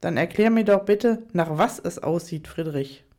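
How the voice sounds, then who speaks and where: A composed, sharp-tongued wife who has had enough, read by a woman. She speaks dryly and sarcastically in a low, mellow voice. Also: normal speed, close to an everyday voice. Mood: sarcastic.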